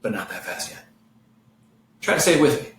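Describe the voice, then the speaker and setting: A man teaching an online children's music lesson, leading slow, patient call-and-response. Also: medium pitch, sing-song, recorded from a distance, a little hiss or hum. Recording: echoey room with guitar playing.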